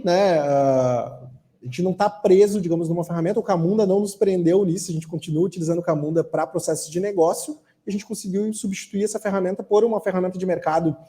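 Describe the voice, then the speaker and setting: A man with a mellow, warm voice answers an audience question at a tech conference. He explains at an easy pace and often ends his phrases with a questioning tag. His voice sits a little high for a man. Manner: explanatory, relaxed, frequent "né?" tags. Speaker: software architect speaker.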